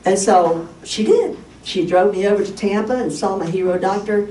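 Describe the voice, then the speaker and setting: A woman pastor preaching a sermon as a personal story, animated and acting out the dialogue. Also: mid-range voice, normal speed. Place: church sanctuary. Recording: echoey church from far off, faint hiss.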